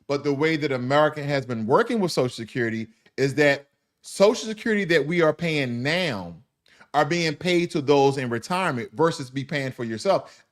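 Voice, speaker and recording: A man hosting a news commentary show, mixing read-out news with blunt, informal asides and mocking jokes. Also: a little high. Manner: mocking, laughs at his subject.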